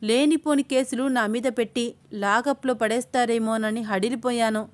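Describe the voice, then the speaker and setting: A woman's voice: on the high side, steady tone, moderate pace, lightly acted. A woman voicing a frightened young male student in a spoken storybook. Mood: relieved.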